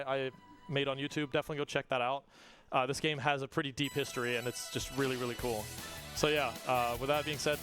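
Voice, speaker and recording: A man giving casual, excited live commentary while speedrunning a game. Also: fairly high pitch. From not Australian. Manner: casual, excited, talks fast between game moments. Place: live event stage. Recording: game music playing behind.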